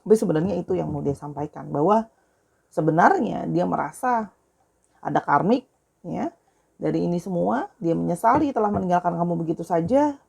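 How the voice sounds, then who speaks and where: A woman's voice: fairly low pitch, expressive, brisk, gravelly, a little mellow, breathy edge. A young woman giving a casual tarot reading, chatty and affectionate, calling her viewers dear. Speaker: tarot reader.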